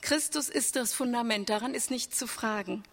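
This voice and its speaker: A woman's voice: a little high, moderate pace, creaky, a bit bright. A woman preaching an Easter sermon, earnest, asking the congregation rhetorical questions. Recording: long church reverb.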